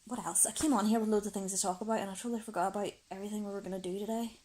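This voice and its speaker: A young woman with a Northern Irish accent, croaky from just waking up, rambling casually to her camera in her bedroom and laughing often. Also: mid-range voice, fairly even intonation, very fast, a little mellow. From Northern Ireland. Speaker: vlogger. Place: bedroom, indoors, rain outside. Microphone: camera set on a shelf.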